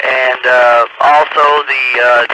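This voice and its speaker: A man calling in a report over two-way radio, hesitant and pausing often. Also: medium pitch, level tone. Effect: two-way radio transmission. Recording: very noisy amateur radio link, clicks.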